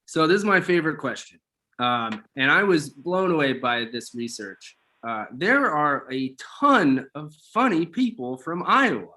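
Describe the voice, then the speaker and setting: A man's voice: on the high side, big pitch swings, measured pace, bright, forceful tone. A man hosting a podcast, asking questions eagerly in a casual interview. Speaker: podcast host.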